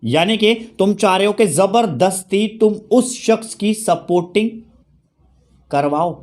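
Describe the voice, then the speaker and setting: A man's voice: high-pitched, expressive, unhurried, darkish tone. A man giving heated commentary on a reality show, firing rhetorical questions and repeating his points. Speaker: YouTube show reviewer. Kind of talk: ranting commentary.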